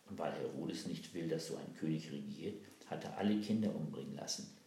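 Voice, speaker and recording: A man voicing a grieving village mother who tells a secret in hushed, urgent tones. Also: rumbling low, fairly quick, gravelly. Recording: roomy echo.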